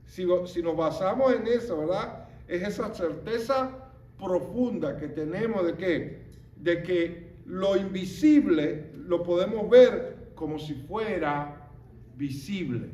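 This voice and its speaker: A man teaching a Bible study lesson, explaining slowly and stopping often to ask rhetorical questions. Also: high voice, expressive, warm tone, echoey room, slight background noise.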